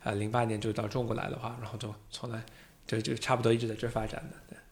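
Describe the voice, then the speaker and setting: A man's voice: on the low side, level tone, fast. A man from the United States, a native English speaker with an American accent, chatting as a podcast guest. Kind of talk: casual interview talk.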